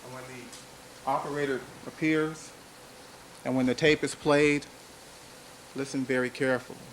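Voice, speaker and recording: A man delivering a courtroom opening statement to a jury, speaking in a measured, deliberate way and repeating key phrases for emphasis. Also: medium pitch. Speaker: trial prosecutor. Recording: noisy archival courtroom audio.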